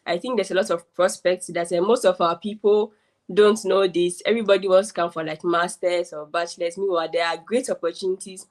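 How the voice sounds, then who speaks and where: A young woman with a somewhat low voice hosts a live interview over a video call. She talks in a chatty, enthusiastic way, sprinkling in casual fillers as she leads her guest. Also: fairly even intonation, brisk, a little mellow. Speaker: host.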